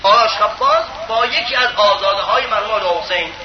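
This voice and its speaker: A man giving an emphatic sermon, asking his listeners rhetorical questions. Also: high voice. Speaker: preacher. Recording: echoey, dull lo-fi sound with clear background noise.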